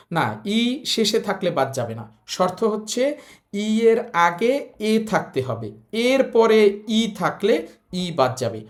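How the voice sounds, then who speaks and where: Patient teacher spelling out syllables. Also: medium pitch. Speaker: language teacher. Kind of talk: recorded explanatory lesson.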